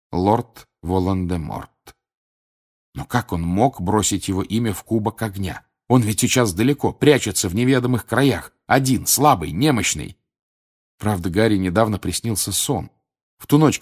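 A man narrating an audiobook, expressive, with dramatic pauses. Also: lowish voice. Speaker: audiobook reader.

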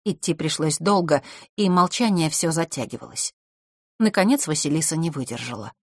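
A woman narrating a children's fantasy book in calm, measured scripted narration. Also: deep voice, no echo, clean studio sound. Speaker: audiobook narrator.

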